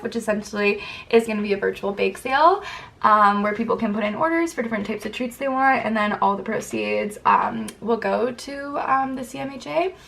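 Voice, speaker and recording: A woman's voice: on the high side, creaky, a bit bright. A young woman chatting casually in a bubbly sorority-girl manner, peppering her talk with "like" and "super". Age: young adult. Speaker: sorority member answering questions. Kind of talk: casual get-ready-with-me chat.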